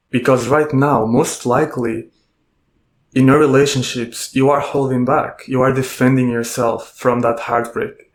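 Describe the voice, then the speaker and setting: A man hosting a self-help podcast, speaking calmly and gently in a reflective monologue full of rhetorical questions. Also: medium pitch. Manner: calm, gentle, asks many rhetorical questions. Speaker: podcast host and coach.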